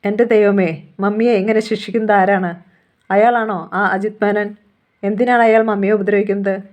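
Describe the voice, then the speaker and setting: A woman's voice: mid-range voice, fairly even intonation, normal speed, darkish tone, natural voice. A defiant young heiress, accusing and demanding answers, read by a woman narrator. Her voice stays close to the reader's own as she presses her questions.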